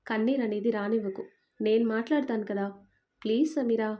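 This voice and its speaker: A caring young husband, calm and earnest, soothing his wife in a family storybook as a woman reads his part. The voice stays warm and mellow, with no real attempt to sound like a man. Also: fairly high pitch, a little fast, lightly acted.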